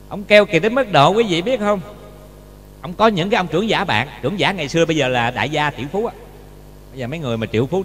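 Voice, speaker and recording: A Buddhist monk gives a dharma talk, telling a story and often asking the listeners rhetorical questions. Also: male voice, a little high, a bit bright. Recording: long reverb with faint hum.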